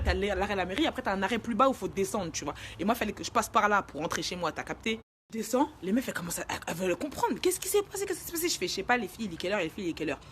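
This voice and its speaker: A young woman tells a personal story straight to camera in quick, slang-heavy speech. She races through it and bursts into shouts when she acts out the wild parts. A faint background hum sits under her voice. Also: medium pitch. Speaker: vlogger telling a personal story. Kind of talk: casual story time.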